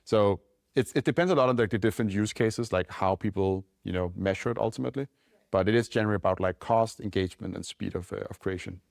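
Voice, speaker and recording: This lowish, slightly mellow male voice with vocal fry belongs to a founder from Denmark, speaking with a Danish accent in a laid-back podcast interview. His answers come fast and loose, full of "like" and "right?", with no room sound at all.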